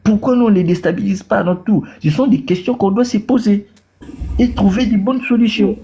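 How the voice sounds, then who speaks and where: A high-pitched, mellow-voiced Congolese man calls into a political debate, talking fairly quickly and passionately in Congolese-accented French, repeating words and weaving in Lingala. A little hiss or hum sits under the audio.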